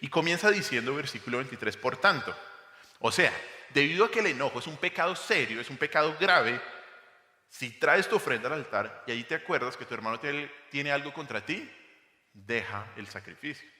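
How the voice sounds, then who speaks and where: A man's voice: medium pitch, lively intonation, brisk, bright, forceful tone, echoey room, in a large hall. A male pastor preaching an expository sermon, emphatic, asking the congregation rhetorical questions. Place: church hall.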